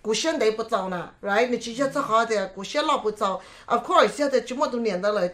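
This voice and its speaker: A woman's voice: fairly high pitch, expressive, fast, fairly bright tone. A woman on a talk show panel speaking casually, switching between English and another language.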